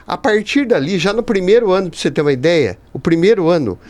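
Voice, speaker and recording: A Brazilian teacher and writer in his fifties answers conversationally as a podcast guest, explaining points emphatically with rhetorical asides. He talks fast in a high-pitched, lively voice with a darkish tone.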